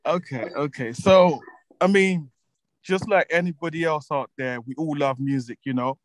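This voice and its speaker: A man in his twenties from Zimbabwe, a musician guest talking in a relaxed way, laughing often and repeating words as he thinks. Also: on the high side, moderate pace, rough recording. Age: 20s. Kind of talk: casual interview chat.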